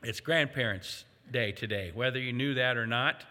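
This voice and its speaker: A man's voice: mid-range voice, normal speed, sharp tone. An older man preaching a sermon to a congregation, telling jokes and stories in a folksy way. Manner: folksy, joking storyteller addressing a congregation. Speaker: pastor. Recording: reverberant hall.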